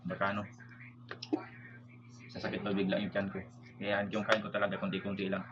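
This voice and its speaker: A man's voice: on the low side, monotone, fairly quick. A man, talking plainly and matter-of-factly while eating during a family vlog. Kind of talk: casual mealtime vlog chat. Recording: dull sound with loud background noise.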